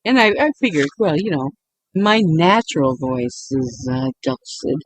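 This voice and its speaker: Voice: medium pitch, expressive, unhurried, no room sound, low-quality recording. A YouTuber giving a casual late-night monologue meant to help people sleep, rambling with frequent restarts and often breaking into giggles.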